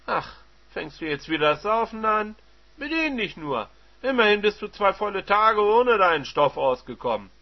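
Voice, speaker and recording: A man voicing a callous, contemptuous manager husband who sneers and provokes loudly, on a dull lo-fi recording. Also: high voice, a little slow, voice pushed up. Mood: mocking.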